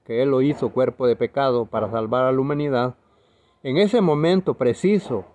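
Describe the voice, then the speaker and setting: A man's voice: medium pitch, normal speed, a little mellow. A man preaching a video sermon in an earnest, emphatic way, now and then correcting himself.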